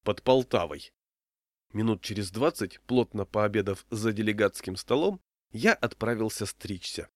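Wry low-voiced male storyteller. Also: normal speed, no echo, clean studio sound. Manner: wry, deadpan narration. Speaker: reader. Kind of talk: reading a humorous story aloud.

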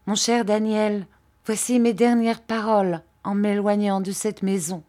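A woman reading aloud, voicing an aging widow who begs with emotion to be taken along, in a slow audiobook delivery. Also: mid-range voice, flat delivery, warm tone, close to an everyday voice. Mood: pleading. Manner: imploring, emotional. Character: pleading aging widow, tearful and devoted.

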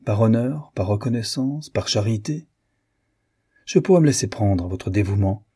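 A man's voice: lowish voice, lively intonation, moderate pace, warm tone, husky. A male reader voicing a proud, remorseful husband who speaks in a firm, cold, sorrowful tone in an audiobook. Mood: grave remorse. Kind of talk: audiobook reading.

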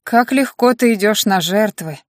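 A woman reading the part of a gruff, world-weary man in an audiobook, grumbling and low-key. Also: moderate pace, no echo, studio quality, close to an everyday voice.

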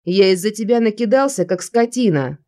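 A woman voicing a drunk, angry young man shouting and slurring bitterly down the phone in a storybook reading. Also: medium pitch, animated, a little fast, lightly acted.

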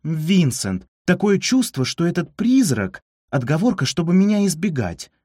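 Indignant storybook she-cat, voiced by a man, raised pitch and husky tone, dry sound. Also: sing-song, moderate pace, darkish tone, dry recording. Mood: reproachful. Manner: reproachful, emphatic. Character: indignant female cat, fussy and demanding.

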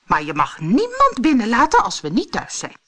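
A woman's voice: a little high, huge pitch swings, moderate pace, bright, forceful tone, voice pushed up, exaggerated voice. A woman reading aloud and voicing a group of small, eager male dwarfs in a storybook. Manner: eager, speaking in chorus.

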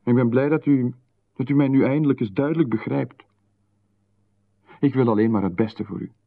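A man acts in a 1990s radio play as Marchon, a smooth, menacing visitor and patronizing official who talks down to a writer. His mid-range voice moves at normal speed, calmly condescending and then sharply indignant, all heard through a narrow, phone-like band.

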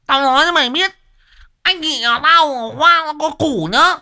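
Male narrator as a screeching jealous woman chasing a rival, very high and loud, bright edge. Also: unhurried, exaggerated voice. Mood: furious screeching. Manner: screeching, furious, cursing. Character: shrieking jealous woman brandishing a hammer.

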